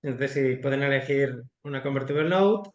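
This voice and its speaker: A man's voice: medium pitch, normal speed, echoey room, dull audio. A man, an investor explaining startup equity frankly and colloquially on a video call. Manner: frank, colloquial, animated explanations with quoted asides. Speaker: startup investor and guest expert. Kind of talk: explanatory webinar talk.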